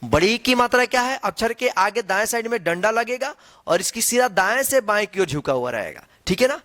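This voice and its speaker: Male teacher, high voice with a lively, rising-and-falling delivery, patient and repetitive. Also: brisk. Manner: patient, repetitive, checks in with "theek hai na". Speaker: Hindi teacher. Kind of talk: whiteboard lesson explaining Hindi vowel signs.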